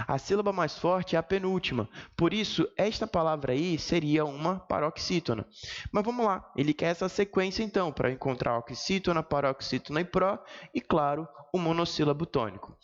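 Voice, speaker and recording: Brazilian man teaching in an echoey room. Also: high voice. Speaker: Portuguese grammar teacher. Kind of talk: exam-prep lesson explanation. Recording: reverberant room, dull lo-fi sound.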